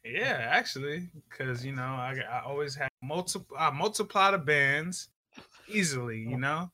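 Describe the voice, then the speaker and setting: A man's voice: mid-range voice, lively intonation, normal speed, sharp tone. A young man guesting on a casual podcast, talking with joking, boastful swagger. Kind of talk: casual chat.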